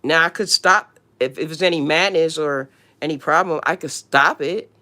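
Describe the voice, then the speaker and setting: A woman's voice: low voice, normal speed, sharp tone. A woman hosting a casual astrology livestream, answering viewer questions bluntly with slang and the odd swear word.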